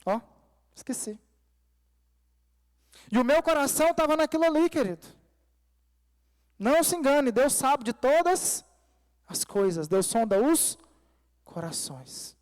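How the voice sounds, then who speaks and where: A man's voice: very high-pitched, lively intonation, a little slow, pauses often, darkish tone. A male pastor preaching a sermon at a church service, telling a personal story and calling the congregation dear ones and brothers. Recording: long reverb of a church hall.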